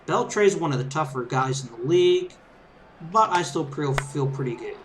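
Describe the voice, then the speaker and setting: Over noisy video game crowd ambience and background music, an easygoing let's play host commentates. His voice sits a little high, with lively intonation and a moderate pace.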